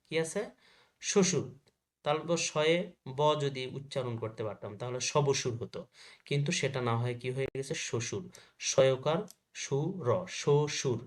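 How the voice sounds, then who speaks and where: A man teaching a grammar lesson to school students. He asks questions and answers them himself, and he repeats each example word slowly. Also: medium pitch.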